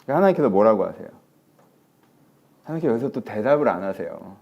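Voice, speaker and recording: A man preaching a sermon as pastor in a conversational way, acting out quoted lines and often dropping to a soft murmur. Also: lowish voice, big pitch swings, fast, gravelly, muffled recording. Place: church.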